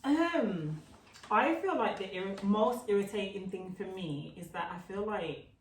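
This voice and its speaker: A woman's voice: medium pitch, animated, measured pace. A woman guest in a casual chat, easygoing and giggly, recorded outdoors. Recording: roomy sound from a distant mic, faint noise.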